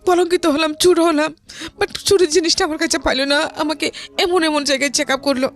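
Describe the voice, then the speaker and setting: Over gentle music, a Bangladeshi-accented woman with a high voice talks through a personal story as an interview guest. She speaks conversationally, a little quickly, keeping her tone steady.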